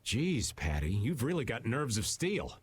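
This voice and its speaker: A man's voice: medium pitch, wildly swooping pitch, measured pace, slight background noise. An actor playing a laid-back older man in a fantasy video game, folksy and given to theatrical complaining. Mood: grumbling.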